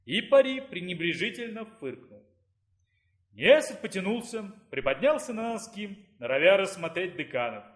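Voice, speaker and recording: A man's voice: high-pitched, big pitch swings, moderate pace, reverberant. A man narrating a fantasy audiobook expressively.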